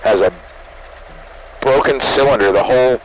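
A man's voice: medium pitch, normal speed. A man, a private pilot, explaining things casually to viewers over a small plane's headset intercom. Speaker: private pilot and video host. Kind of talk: casual cockpit chat and radio calls. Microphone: aviation headset. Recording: headset intercom with engine noise.

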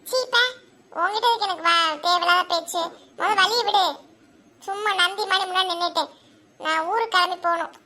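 A woman's voice: extremely high pitch, fairly even intonation, fast talker, pushed and bright. A woman voicing a cheeky boy who teases and bosses his sister in a cartoon. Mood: gleeful. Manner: bossy and mocking. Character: cheeky boy, teasing older brother.

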